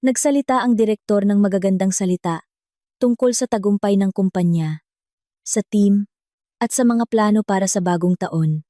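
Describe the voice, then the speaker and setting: Woman telling a story, slow and steady, mellow voice, dry sound. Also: medium pitch, no echo. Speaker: narrator. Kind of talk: scripted narration.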